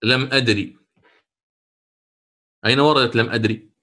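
A man teaching a lesson on Quran recitation rules, asking and answering his own questions and drawing out the recited words slowly. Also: mid-range voice, steady tone, bright, forceful tone. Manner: stretches recited words drawn out.

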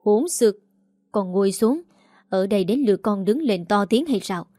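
A woman's voice: medium pitch, lively intonation, moderate pace, dark tone, dry recording, studio quality, faint music behind, close to an everyday voice. Woman voicing a stern scolding father. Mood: angry scolding. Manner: scolding, curt commands. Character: stern angry father, strict patriarch.

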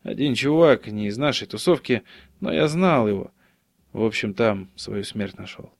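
A man's voice: on the low side, lively intonation, moderate pace, creaky, dry recording, studio quality. Brief: casual streetwise explorer guy, loose slang, read by a male narrator. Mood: storytelling. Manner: offhand, slangy storytelling.

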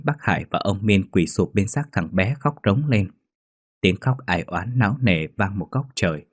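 Deep-voiced man telling a ghost story. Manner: steady, measured reading. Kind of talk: scripted ghost story narration. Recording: faint music behind.

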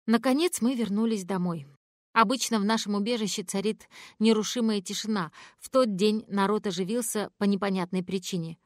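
A woman narrating a first-person novel, giving the characters' lines expressive voices. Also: mid-range voice, a little fast, no echo, clean studio sound. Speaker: audiobook narrator.

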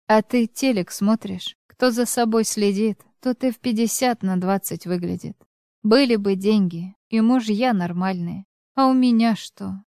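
A woman voicing a bitter, sharp-tongued ex-wife of about forty who snaps with scorn, in a smooth voice. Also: medium pitch, measured pace, dry recording, clean studio sound, close to an everyday voice. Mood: scornful, bitter. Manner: scornful, snapping.

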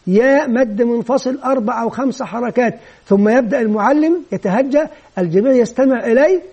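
A man training teachers of Quran recitation, explaining how to teach children and slowly repeating the chanted drill phrases as he demonstrates. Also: extremely high pitch, a little mellow, breathy edge, dull audio. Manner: acts out teacher questioning a child. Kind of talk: instructional lecture on teaching children.

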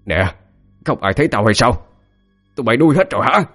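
A man voicing the ghost of a grumpy old rich village man, speaking in a gruff, bossy way that turns quiet and distant. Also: medium pitch, very animated, a little fast, in a large hall, soft background music, voice pushed up. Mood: gruff alarm.

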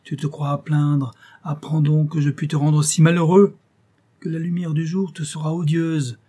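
A man's voice: fairly high pitch, little pitch movement, moderate pace, warm tone, husky, voice pushed up. A man voicing a wretched, vengeful male creature, reproachful and menacing, in an audiobook reading.

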